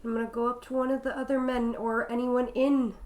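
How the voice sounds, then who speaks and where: A woman playing in a tabletop game, chatting quickly and apologetically. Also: fairly high pitch, little pitch movement. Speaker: player. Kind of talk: casual tabletop play. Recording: echoey room, faint background noise.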